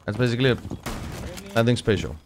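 A man's voice: mid-range voice, fast, noisy background. A South African man streaming a tactical shooter, calling plays to his team and chatting with viewers. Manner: animated shot-calling, chatty asides to chat. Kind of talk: live game-stream chat with teammates.

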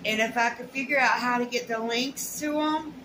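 Her voice sits on the high side and moves at a normal pace as she opens her purchases. The middle-aged haul vlogger keeps things casual and folksy in a small indoor room at home, recorded on a noisy home camera.

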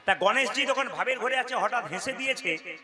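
High-voiced guy preaching a devotional story outdoors, big crowd noise behind. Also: animated, normal speed. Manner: direct, instructs the crowd, asks rhetorical questions. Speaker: kirtan singer and storyteller. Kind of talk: devotional storytelling to a live audience.

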